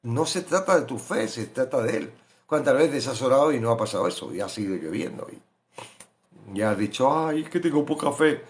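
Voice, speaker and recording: Animated man preaching. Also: medium pitch, a little fast. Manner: animated, rhetorical questions, acts out quoted voices. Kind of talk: sermon-style Bible reflection.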